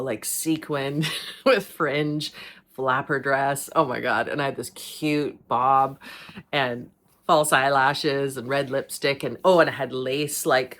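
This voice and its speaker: Middle-aged woman host, low voice, chatty and rambling, laughs often. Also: a bit bright. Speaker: podcast host. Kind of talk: casual monologue.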